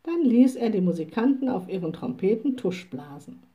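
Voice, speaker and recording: A woman reading a children's storybook aloud in a calm, clear way. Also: medium pitch, moderate pace, dull audio. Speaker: narrator.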